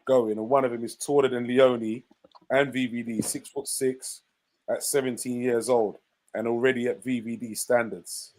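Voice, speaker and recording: A man's voice: mid-range voice, steady tone, normal speed, a little mellow, rough recording. Emphatic man arguing football. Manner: emphatic, pushes his argument with rhetorical questions. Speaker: panelist. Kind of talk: casual live-stream football chat.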